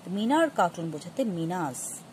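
A woman teaching a grammar lesson, explaining patiently to students with many pauses and restarts. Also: lowish voice, sing-song, darkish tone, a little hiss or hum, poor audio. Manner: patient, addresses students directly. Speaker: English teacher.

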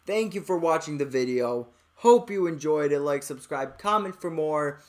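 A man giving live commentary on a football video game, excitable, dropping from low muttering to loud outbursts at the game. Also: moderate pace. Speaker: gaming streamer.

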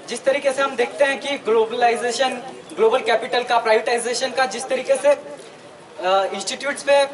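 At night, outdoors at an open protest, a young Indian-accented man in his twenties speaks into a handheld mic as a student activist. His very high voice carries an earnest, emphatic political message in halting phrases. A camera records from a distance, capturing far-off PA sound and the noise of the crowd.

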